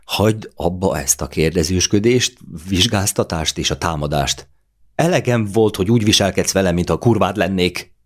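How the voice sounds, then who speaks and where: A man reading aloud who voices a bitter, sharp-tongued young woman, snapping and accusing in a raised voice. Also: low voice, voice pushed up, natural voice. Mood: bitter, angry.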